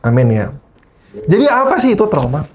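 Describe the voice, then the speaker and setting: A man with a high voice preaches a sermon at a church service at a moderate pace. He tells stories as an animated storyteller, slipping into English phrases and frequently checking in with the congregation.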